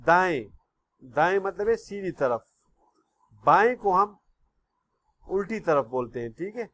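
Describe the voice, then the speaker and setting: A man's voice: high voice, lively intonation, fairly bright tone. A man teaching a recorded online class to young pupils, patiently repeating words and often checking if they follow. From Pakistan. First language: Pashto. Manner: patient, repeats words slowly, keeps asking "okay?". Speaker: school teacher.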